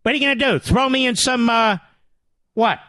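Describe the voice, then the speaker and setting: A man's voice: very high voice, moderate pace, pushed and bright, no echo. A man hosting a talk radio show, delivering an indignant, sarcastic political rant into a studio microphone.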